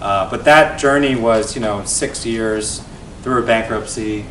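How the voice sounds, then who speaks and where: A low-ish male voice, a bit slow, belongs to a venture investor in his forties telling his founder story at an event. He stays energetic and conversational, often tagging "right?", and the distant, roomy recording carries a little hiss or hum.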